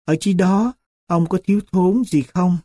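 A man's voice: high-pitched, measured pace, mellow, no echo, clean studio sound, pitched above the performer's own voice. A man reading as a grieving old grandmother at a grave. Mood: tender. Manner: tearful, pleading prayer to her late husband.

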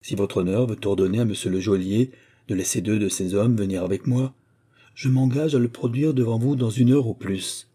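A man's voice: on the low side, moderate pace, dark tone, breathy edge. A man voicing a sly, knowing prisoner who offers to track a thief, speaking deferentially in an audiobook. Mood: eager.

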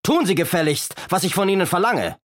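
A man voicing a gruff, bossy robber who barks his demands in a raised voice. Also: sits high, animated, a little fast, voice pushed up. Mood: barking. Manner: barking, demanding.

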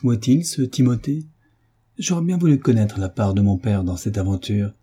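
A man voicing an enthusiastic eighteen-year-old son who talks eagerly and warmly in an audiobook reading. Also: fairly low pitch, moderate pace, husky. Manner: eager, animated.

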